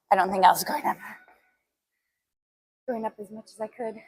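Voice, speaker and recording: A woman who speaks Albanian natively talks a little slowly with a breathy edge in her medium-pitched voice. Streaming casually from the gym while working out, she reads comments aloud between sets and laughs often.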